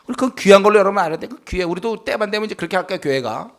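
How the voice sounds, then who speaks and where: High-voiced emphatic male pastor. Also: lively intonation, racing. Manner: emphatic, rhetorical questions, frequent affirming "yes". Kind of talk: Bible study sermon.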